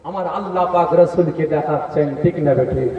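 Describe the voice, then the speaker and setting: A man preaching an impassioned protest sermon at an outdoor rally, shouting and leading the crowd in chants. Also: fairly high pitch, fairly quick, dull audio. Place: open field at an outdoor rally. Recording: echoey loudspeaker sound from far off, crowd. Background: crowd responding.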